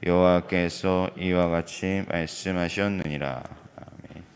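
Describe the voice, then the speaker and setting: A man reading scripture aloud in church, with a solemn, measured and even recitation. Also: sits low, a little hiss or hum. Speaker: scripture reader.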